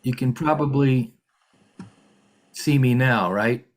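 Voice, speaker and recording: A man's voice: mid-range voice, slow. A man working as a hearing examiner, running formal proceedings over a video call in a polite, methodical way with frequent fillers and restarts.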